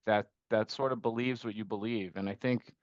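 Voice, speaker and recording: A man's voice: fairly low pitch, steady tone, normal speed, dry recording, dull audio. A middle-aged man who grew up in Costa Rica, talking through his investment work as a podcast guest, with many restarts and rhetorical "right?" tags. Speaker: guest, investment firm managing partner. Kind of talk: conversational podcast interview.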